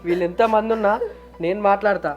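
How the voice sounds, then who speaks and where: A man speaks in a fast, firm and protective way, his voice pitched fairly high. Clear music plays underneath him throughout this village comedy sketch. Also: steady tone, lo-fi sound.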